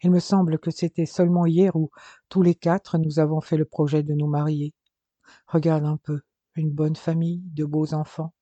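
Brief: quiet, tender wife in a storybook, warm mellow tone, dry close sound, read by a man. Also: on the high side, level tone, moderate pace, no room sound, lo-fi sound, lightly acted. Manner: soft, tender, fearful. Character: tender, anxious young wife and mother.

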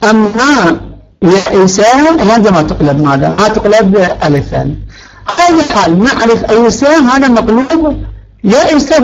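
A man's voice: sits high, dull audio. A male teacher giving a grammar lecture, stretching out key words and quizzing his students. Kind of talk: Arabic morphology lecture.

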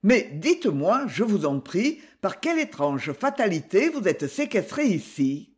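A man reading the part of a calm, courteous gentleman knight in an audiobook. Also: high voice, unhurried.

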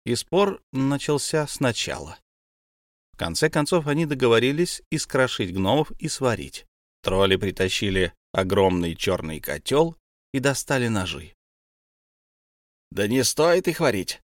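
Lively male audiobook narrator, dry close sound. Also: mid-range voice, moderate pace, no room sound. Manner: lively, expressive storytelling. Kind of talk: audiobook reading of a fantasy tale.

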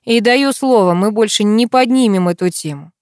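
A stern army colonel who speaks in firm, clipped, insistent phrases, as a woman reads him. The audiobook voice sits close and dry, with no room around it. It stays at a middle pitch. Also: normal speed, darkish tone, no room sound, close to an everyday voice. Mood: tender. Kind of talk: audiobook character voice.

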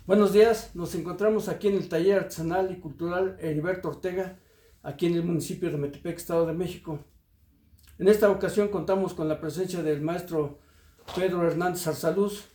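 A man's voice: a little high, fairly even intonation, brisk, mellow. A man interviewing a guest for community radio, speaking formally and courteously with frequent filler words. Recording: roomy echo.

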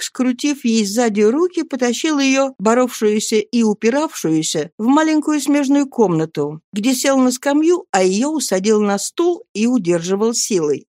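A woman narrating an audiobook in a measured, even reading manner. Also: fairly high pitch, no room sound, studio quality.

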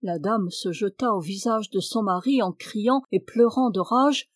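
A woman reading an old folk tale aloud in a steady, clear storytelling manner. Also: medium pitch, unhurried, dry recording, studio quality. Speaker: reader.

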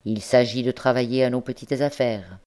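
A woman's voice: rumbling low, steady tone, normal speed, a little mellow, clean tone. A woman reading the part of a scheming male spy in an audiobook, assured and sneering.

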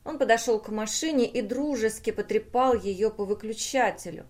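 A woman's voice: fairly high pitch, normal speed, a little mellow. A woman narrating a humorous science-fiction story aloud, reading expressively. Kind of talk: audiobook narration.

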